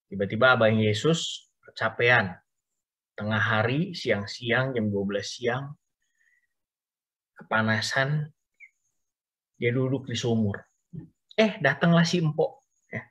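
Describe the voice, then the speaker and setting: A man's voice: medium pitch, slow pace, pauses often, bright, forceful tone, breathy edge. A man giving a casual, chatty storytelling sermon to a youth group over an online call, addressing listeners directly. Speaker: youth service speaker. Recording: dull Zoom audio.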